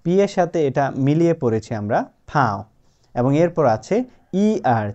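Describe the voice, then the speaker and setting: A man teaching a spoken lesson, explaining step by step and patiently repeating example words slowly and clearly. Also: mid-range voice, darkish tone. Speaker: English teacher. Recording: dull lo-fi sound.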